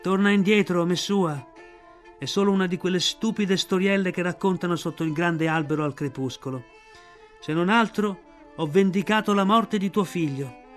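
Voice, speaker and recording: A man's voice: sits high, moderate pace, soft background music, natural voice. A man voicing a proud, defiant young man raised among wolves, in an audiobook.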